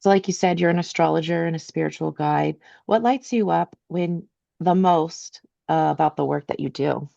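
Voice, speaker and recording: A woman hosting an interview podcast, reading a measured scripted intro and then asking chatty questions. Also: low-pitched, steady tone, creaky, dark tone, muffled recording. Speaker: podcast host.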